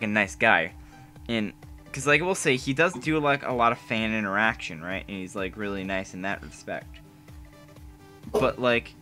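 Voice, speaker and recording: A man's voice: mid-range voice, sharp tone. A man co-hosting a casual live podcast, rambling along with lots of fillers. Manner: rambling, filler-heavy, easygoing. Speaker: podcast co-host.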